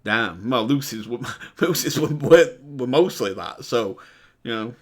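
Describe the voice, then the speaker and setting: A man's voice: medium pitch, lively intonation, a little slow. Chatty man reacting to rap. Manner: chatty, breaks down lyrics with fillers and restarts. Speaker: reaction video host. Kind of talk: casual commentary reacting to music.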